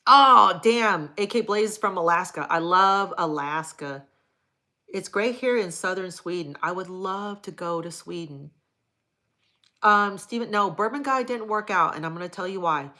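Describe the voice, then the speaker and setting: A woman's voice: on the low side, moderate pace, bright, forceful tone. A woman from Hawaii hosting a live stream, reading viewer comments aloud and answering them in a blunt, crude, casual way. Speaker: livestream host answering chat.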